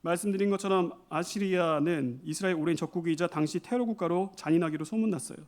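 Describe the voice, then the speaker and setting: A man's voice: high-pitched, fast talker. A man missionary preaching a Sunday sermon in a church, telling stories and building to emphatic exhortations. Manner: storytelling, with rising emphatic exhortations. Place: church sanctuary.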